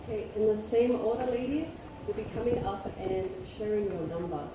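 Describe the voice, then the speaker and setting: A woman's voice: medium pitch, brisk. A woman hosting and announcing at a live event. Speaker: pageant host. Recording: echoey hall, distant, noisy.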